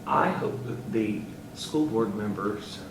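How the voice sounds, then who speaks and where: A man who sits on a school board, answering interview questions earnestly and haltingly, with fillers, and turning emphatic. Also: on the low side, reverberant, recorded from a distance, background noise.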